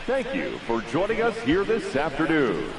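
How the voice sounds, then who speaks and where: A man voicing a stadium announcer in a video game, drawing out player names and positions over the ballpark loudspeaker. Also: fairly high pitch, sing-song, creaky, noisy background. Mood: formal. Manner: drawn-out, sing-song announcing of names and positions. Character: formal adult male ballpark announcer. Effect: stadium loudspeaker announcement echoing through a ballpark. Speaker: stadium public-address announcer. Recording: echoey loudspeaker from far off, with music and crowd.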